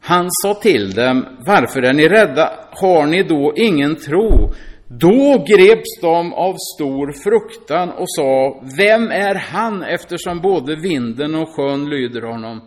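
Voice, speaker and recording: High-voiced, animated male preacher. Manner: lively, swings from loud exclamations to hushed asides; reads scripture aloud, then comments in a chatty way, often adding "va?". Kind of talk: sermon.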